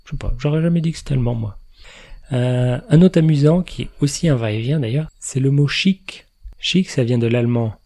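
A man's voice: medium pitch, brisk, darkish tone. Chatty man hosting a podcast. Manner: chatty, laughs at his own remarks. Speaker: podcast host. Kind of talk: casual explanatory chat.

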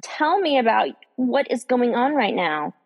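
A woman podcast host and teacher, chatting casually and telling stories with animated, exasperated pitch jumps. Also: measured pace, in a large hall. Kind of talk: casual chat.

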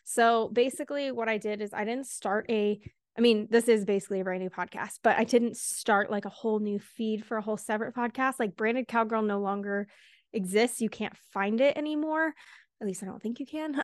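Woman podcast host, casual and chatty, a touch out of breath, higher voice, dry close sound. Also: no room sound. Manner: chatty, quick, laughs between words. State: a little out of breath. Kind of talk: casual solo podcast chat.

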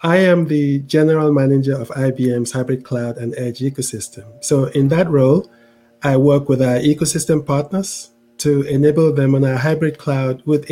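This interview guest is a middle-aged Cameroonian tech executive whose accent blends international influences. He speaks conversationally in a mid-range, dark-toned voice, repeating words frequently and tagging lines with "right?"

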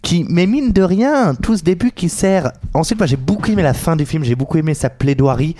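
A man's voice: on the high side, animated, fairly quick, mellow. A man on a film podcast panel giving his opinion in a rambling, hesitant way, full of ums and small jokes. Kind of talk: casual panel chat.

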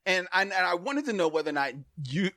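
A man's voice: high-pitched, big pitch swings, sharp tone, no echo, clean studio sound. A man co-hosting a podcast in casual chat, curious and questioning, reading aloud at times. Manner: curious, questioning, quick to laugh. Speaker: podcast co-host.

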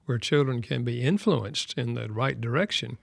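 An older man hosting a conversation, speaking in a measured, reflective way with frequent "uh, you know". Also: mid-range voice, gravelly, dry recording, clean studio sound. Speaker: host. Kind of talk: casual chat.

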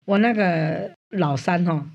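A woman's voice: slow, vocal fry, dull audio. Older woman. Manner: animated storyteller, frequent "hā" and "āi" fillers, rising pitch in tense moments. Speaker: interview guest. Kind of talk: personal faith testimony in an interview.

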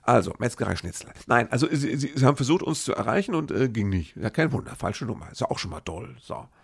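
A man's voice: medium pitch, lively intonation, quick pace, vocal fry, breathy edge, dry recording, clean studio sound. A middle-aged man telling a long personal story in a casual, rambling way, with many restarts and asides to the listener.

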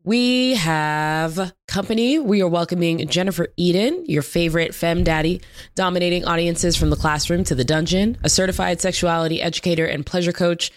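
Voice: medium pitch, brisk. A podcast co-host chatting casually and reading a guest introduction with upbeat flair.

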